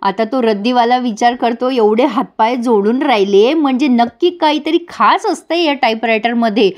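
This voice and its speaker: A woman's voice: a little high, moderate pace. A woman casually retelling a TV serial episode to her viewers, narrating and acting out the characters' lines with feeling.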